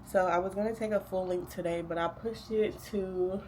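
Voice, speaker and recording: A young woman, a vlogger and graduate student, chats casually in a day-in-the-life vlog while getting ready to study, nasal from a cold and rambling with plenty of fillers. Her mid-range voice is steady, a little mellow, and moves at a moderate pace. The recording is rough, with a bit of hiss or hum.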